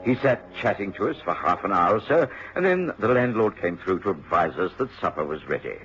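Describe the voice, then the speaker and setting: A man playing a genial middle-aged gentleman doctor in a radio drama. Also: deep voice, big pitch swings, a little fast. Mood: reflective. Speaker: actor and first-person narrator. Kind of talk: radio drama narration and dialogue. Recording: dull, lightly noisy radio recording.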